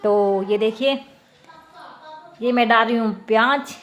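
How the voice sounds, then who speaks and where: A woman's voice: a little high, slow pace, a bit bright, slight background noise. A woman in her thirties chatting to viewers as she does household chores in a casual family vlog. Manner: chatty, showing chores while talking to viewers; laughs often while talking. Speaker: family vlogger. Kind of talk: casual home vlog narration.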